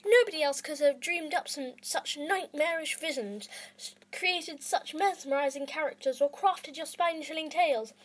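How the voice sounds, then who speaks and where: A woman's voice: sits high, normal speed, hardly any pauses, close to an everyday voice. A woman voicing a spirited, indignant young girl in a storybook reading, speaking in an impassioned, protesting way.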